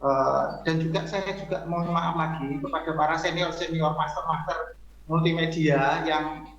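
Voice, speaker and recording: A man's voice: on the high side, fairly even intonation, normal speed, fairly bright tone. A man on a glitchy, breaking-up call. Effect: choppy, breaking-up video call audio. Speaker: workshop presenter. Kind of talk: online teacher training talk. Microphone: computer mic on a video call. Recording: echoey, dull lo-fi call with faint noise.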